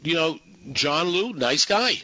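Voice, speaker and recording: Bright-voiced male radio talk show host. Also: fairly high pitch, lively intonation, slow, dry recording, low-quality recording. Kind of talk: live call-in political talk.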